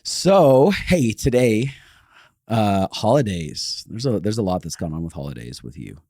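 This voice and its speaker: A man's voice: fairly low pitch, very animated, measured pace, mellow, dry recording. A man hosting a casual interview over a video call, playful with his questions. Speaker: podcast host.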